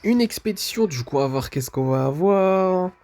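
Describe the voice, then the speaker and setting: A man's voice: sits high, expressive, normal speed, darkish tone, soft background music. A man, casually commenting on a mobile game while opening rewards, hesitant and full of fillers. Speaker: gaming video creator.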